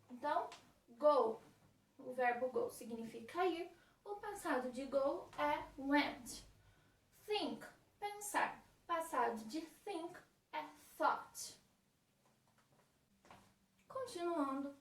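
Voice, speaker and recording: High-voiced teacher woman, echoey room. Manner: patient, explains rules step by step with checking questions. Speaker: English teacher. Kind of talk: recorded remote lesson for high-school students. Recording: echoey room, far from the mic.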